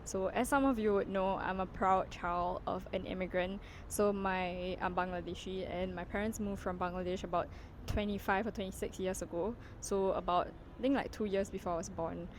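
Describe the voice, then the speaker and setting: A young woman chats casually to her camera, leaning on "like" and "you know" as she thinks aloud. Her voice sits at a mid pitch, and she walks around as she talks. Faint traffic noise hums behind her. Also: fairly even intonation, moderate pace, low-quality recording. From Singapore. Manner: chatty, heavy use of "like" and "you know" fillers; walking around while talking. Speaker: vlogger. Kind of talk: casual reflective vlog talk.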